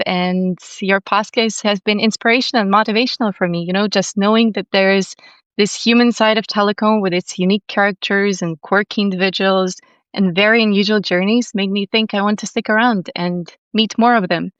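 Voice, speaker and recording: A young woman from Latvia, a podcast guest speaking in a calm, soothing and articulate way. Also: medium pitch, clear, resonant tone, no room sound, highs cut off. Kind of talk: conversational interview.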